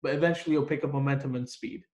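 A man's voice: mid-range voice, fairly even intonation, rapid-fire, darkish tone. Man host asking questions in a roomy space. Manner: reflective, uses fillers like um and like. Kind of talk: podcast interview. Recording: roomy echo.

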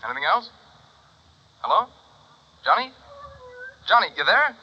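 A casual friend on the phone in an old radio play. His voice is husky, high and lively, and the sound is thin and muffled. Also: unhurried, full character voice.

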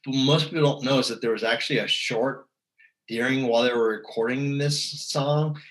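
A man's voice: medium pitch, fairly even intonation, normal speed, fairly bright tone, poor audio. A man in casual conversation, talking at length with many fillers and restarts. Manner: rambling, chatty, lots of fillers and restarts. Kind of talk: casual music chat.

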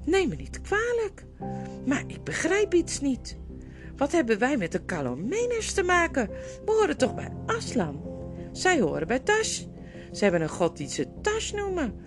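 A woman's voice: huge pitch swings, normal speed, over music. Woman doing a tiny, timid lamb voice. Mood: earnest. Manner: small, high, polite and earnest. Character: very young timid woolly lamb.

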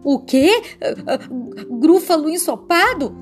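A woman's voice: high-pitched, sing-song, soft background music, voice pushed up. A woman voicing a big, hungry storybook monster who is easily astonished. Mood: amazed. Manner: astonished, slow and wondering.

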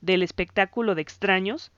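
A woman voicing an excitable boy who stammers and shouts insults at his friend. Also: mid-range voice, moderate pace, no room sound, highs cut off, close to an everyday voice. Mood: amazed.

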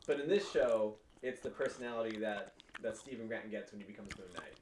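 A man's voice: on the low side, brisk, darkish tone, reverberant. A man co-hosting a casual podcast, rambling with lots of fillers and swearing freely. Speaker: podcast co-host.

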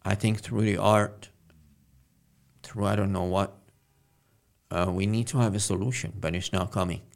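A man from Jerusalem, a guest poet in a casual interview, talking in a halting, earnest way with many pauses. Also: fairly low pitch, fairly even intonation, creaky.

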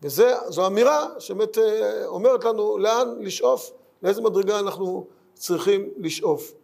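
A Torah teacher gives an earnest Talmud lesson, posing rhetorical questions and going back over his points. His voice is high-pitched and gravelly, with a slightly mellow quality.

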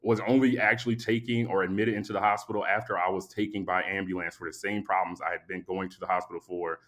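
A sleepy man hosting a podcast, telling a long story in a casual, animated, profane way and acting out both sides of the exchange. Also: deep voice, quick pace. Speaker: podcast host.

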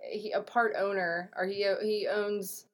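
A woman's voice: mid-range voice, flat delivery, a little slow. A young adult woman co-hosting a podcast, chatting casually with crude jokes and frequent laughter. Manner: joking and crude, laughing often. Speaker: podcast co-host. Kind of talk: casual chat.

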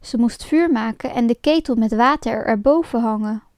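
Woman storyteller with a fairly high voice, reading a fairy tale aloud, lively and expressive. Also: moderate pace, dry recording, studio quality. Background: faint music.

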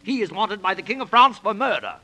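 An actor playing a scheming, treacherous French aristocrat in a 1940s radio operetta, with a rough, sharp-edged voice. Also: male voice, high voice, very animated, brisk, heavily acted. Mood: sly, eager.

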